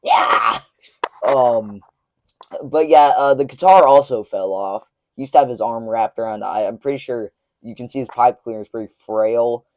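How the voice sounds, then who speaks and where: A man's voice: medium pitch, normal speed, no room sound. A young man talking casually about the stuffed toys he made, rambling with many fillers on a small clip-on mic recorded to a phone. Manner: rambling, lots of fillers and restarts. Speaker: video creator. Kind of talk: casual commentary. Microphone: small clip-on lapel mic, recorded on a phone.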